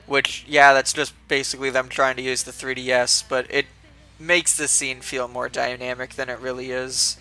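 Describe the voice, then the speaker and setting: A man's voice: medium pitch, flat delivery, normal speed, bright, forceful tone, faint music behind. A young man casually commenting while streaming a video game, rambling with fillers and restarts.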